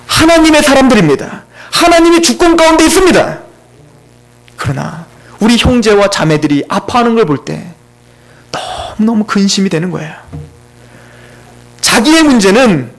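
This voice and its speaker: A male pastor preaching a sermon in church with emotion, often asking the congregation questions. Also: high-pitched.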